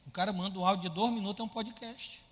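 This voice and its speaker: A man preaching a sermon as pastor, animated, firing rhetorical questions at his congregation and acting out his listeners' complaints. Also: high voice, very fast, long reverb tail.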